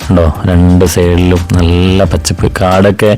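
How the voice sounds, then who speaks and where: A man's voice: low voice, flat delivery, measured pace, a little mellow. A man with a Kerala Malayali accent gives casual, enthusiastic travel vlog commentary, mixing English words into his speech. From Wayanad, Kerala, India. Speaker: travel vlogger. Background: background music.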